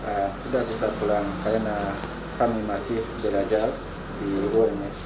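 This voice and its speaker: Flat-voiced Ugandan man speaking halting Indonesian. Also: on the low side. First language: not Indonesian. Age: young adult. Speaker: international student being interviewed. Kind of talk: short interview answers. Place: lobby beside display cabinets. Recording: distant, echoey, noisy on-camera sound.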